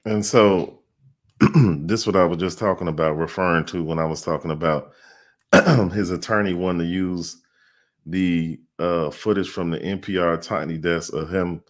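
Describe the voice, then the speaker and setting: A man's voice: low voice, steady tone, moderate pace. A man hosting, casually explaining a court hearing with many fillers. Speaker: commentary host. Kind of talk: casual commentary.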